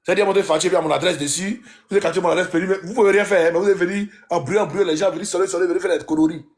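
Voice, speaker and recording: This is a man with an Ivorian French accent hosting a casual live stream. His voice sits a bit high, and he teases callers and says the same thing over and over. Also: fairly even intonation, rapid-fire. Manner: teasing, repeats himself. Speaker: livestream host.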